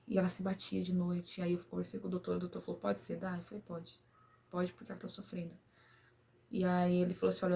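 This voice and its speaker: A woman who tells a personal story to her viewers in an emotional way. She keeps adding "né?" and "sabe assim?" and drops very quiet at the sad parts. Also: on the low side, vocal fry, breathy edge. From São Paulo, Brazil. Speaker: vlogger.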